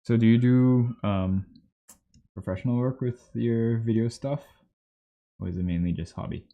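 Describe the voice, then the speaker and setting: Speaking at a normal speed in a mid-range voice, a Trinidad and Tobago man in his thirties hosts a livestream, chatting casually while working on 3D art. The audio from his small indoor home workspace sounds slightly muffled.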